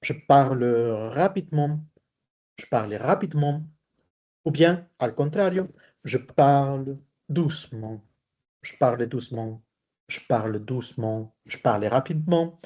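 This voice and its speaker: A male French teacher gives an online lesson at an unhurried pace, patiently repeating each example phrase. His voice is mellow and dark, and the recording sounds dull and lo-fi. He keeps an even, middle pitch.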